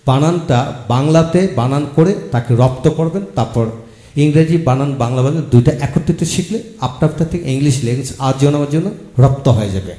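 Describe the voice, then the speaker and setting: A man with a mellow, relaxed voice pitched slightly high teaches English pronunciation in a video lecture. He addresses viewers as friends and drills each example word by repeating it and spelling it letter by letter. The sound is roomy with clear echo. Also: fast talker.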